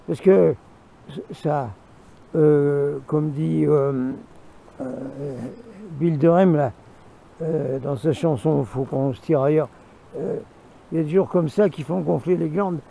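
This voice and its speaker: A man's voice: fairly high pitch, fairly even intonation, takes it slowly, gravelly, long pauses, mellow, low-quality recording. A man telling a rambling, repetitive story to camera, breaking into asides with himself, with faint noise behind him. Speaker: vlogger. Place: outdoors in the mountains.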